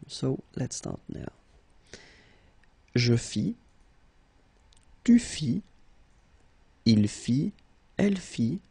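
A man's voice: fairly high pitch, creaky, dark tone, slightly rough, dry recording. A man with a French accent teaching a language lesson, patiently drilling each verb form aloud. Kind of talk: slow, repetitive language lesson.

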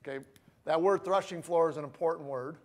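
A male pastor, preaching in a casual, folksy storytelling way and slowing down to read scripture aloud. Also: a little high. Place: church sanctuary.

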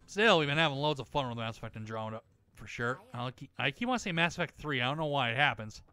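Guy doing chill gameplay commentary, rambly and jokey, bright voice, dry close mic. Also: medium pitch, animated, quick pace, clear, resonant tone, no room sound. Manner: rambling, joking, swears casually. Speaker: gaming video host. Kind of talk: casual let's-play commentary.

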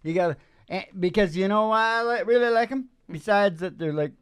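An older man who hosts a music podcast and sings delivers rambling, jokey stage banter with frequent chuckles into a stage microphone on a stand. His voice sits high, clean, and a bit bright, running a little fast, while an acoustic guitar plays on a small curtained indoor stage.

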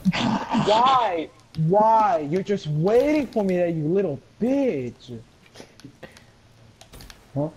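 A man's voice: high-pitched, very animated, slow pace, long pauses, dark tone, slight background noise. A man playing a shooter game with a friend, frustrated and swearing often. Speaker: gamer. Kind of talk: casual game chat.

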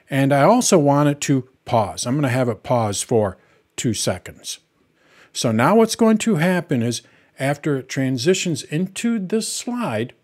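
A middle-aged man with a fairly high, breathy-edged voice hosts a software tutorial. He patiently walks through each step in plain terms while working on screen.

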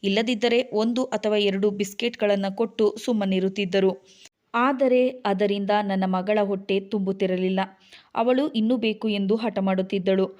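Young woman, story narrator, steady sad reading in a flat, even tone. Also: medium pitch, normal speed. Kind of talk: first-person scripted story narration.

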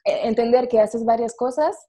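A young woman from France speaking Spanish as a second language with a French accent, answering interview questions over a video call in a lively way, often restarting her words. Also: fairly high pitch, normal speed. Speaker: guest performer. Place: home room with red sofa. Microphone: earphone headset on video call.

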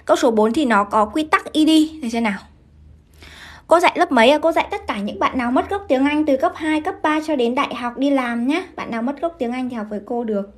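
A woman English teacher from Vietnam, running a live-streamed grammar lesson and keeping her viewers engaged by asking them to confirm as she goes. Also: high-pitched. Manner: brisk, keeps asking students to confirm.

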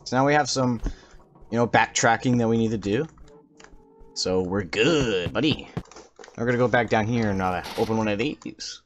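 A man's voice: fairly low pitch, moderate pace, pauses often, a little hiss or hum. A man giving casual, sweary game commentary in slangy language as he plays. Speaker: gaming video host.

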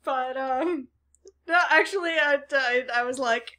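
A woman with a high, light voice chats casually as a podcast co-host. She rambles through a story, often laughing and restarting her sentences. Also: a little slow, pushed and bright. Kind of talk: casual chat.

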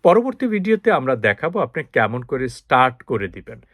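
A man teaching spoken English, explaining step by step and modelling English phrases slowly with clear stress. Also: medium pitch, big pitch swings, fairly bright tone, no echo, studio quality.

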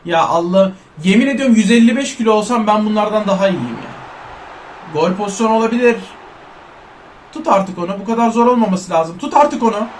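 Excitable male gaming commentator, high voice, shouts and trash-talks teammates, faint background noise. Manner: jokes as an overweight footballer in first person. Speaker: gaming YouTuber. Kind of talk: excited live gameplay commentary.

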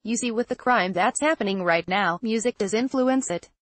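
A woman reading a news article aloud as scripted narration, in an even, flat delivery. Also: medium pitch, moderate pace, no echo. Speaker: news reader.

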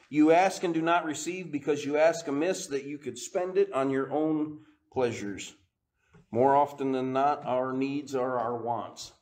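A male pastor preaching a sermon, who laughs often and moves from quiet, low stretches up to rising, emphatic climaxes.

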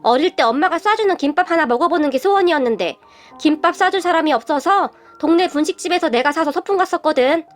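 A woman's voice: high-pitched, animated, quick pace, faint music behind. A woman voicing a brazen young man who claims to be a lost son, speaking in a cool, taunting, unbothered manner in a storybook reading.

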